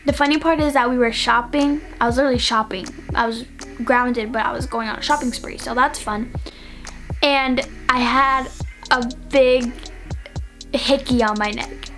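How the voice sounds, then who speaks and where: A young woman with a slightly high voice tells a personal story to her channel in a loose, chatty monologue. She rambles and fills nearly every phrase with "like". Soft music plays faintly underneath. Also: fairly even intonation, moderate pace. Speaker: vlogger.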